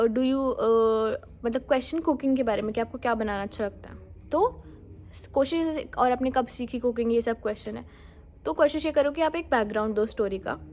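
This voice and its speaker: Woman with a fairly high voice chatting through test tips, friendly and direct, drops english words in. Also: moderate pace, darkish tone, a little hiss or hum. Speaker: exam prep tutor. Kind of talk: casual spoken advice to viewers.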